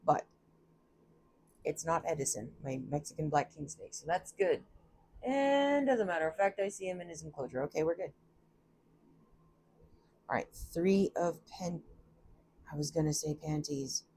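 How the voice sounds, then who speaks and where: A woman's voice: low-pitched, animated, moderate pace, pauses often, warm tone, a little hiss or hum. A woman giving a casual, chatty tarot reading from a room at home, thinking aloud and often laughing at herself. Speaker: tarot reader.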